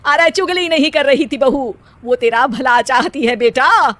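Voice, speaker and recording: A woman voicing a concerned middle-aged mother in a cartoon, earnestly and gently chiding. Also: high-pitched, measured pace, no echo.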